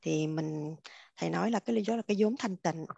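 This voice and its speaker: A woman's voice: fairly low pitch, fast, creaky, dark tone, dry recording, dull audio. A woman hosts a spiritual discussion. She explains through homely examples and laughs easily. Her voice is close and dry, with no room sound around it. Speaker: discussion host.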